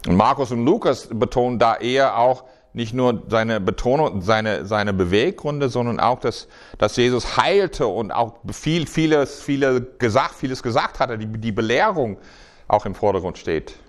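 A man preaching a sermon in a conversational, halting way with frequent restarts. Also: medium pitch.

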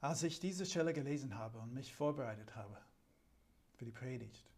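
A man with a light foreign accent preaching a sermon, speaking slowly and deliberately and reading scripture with drama. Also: mid-range voice, lively intonation, a little mellow.

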